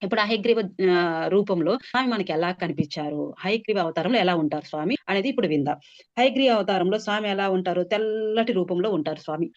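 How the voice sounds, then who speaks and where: Woman devotional storyteller, mid pitch, casual explaining tone, muffled and dry, no room sound. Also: no room sound. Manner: unhurried and chatty, explaining with many filler sounds. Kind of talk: conversational religious storytelling.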